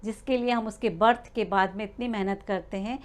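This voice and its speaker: A woman's voice: medium pitch, fairly even intonation, fairly quick. A woman giving a spoken lesson to expecting mothers, explaining step by step with frequent "uh" fillers and small restarts. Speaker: prenatal learning coach.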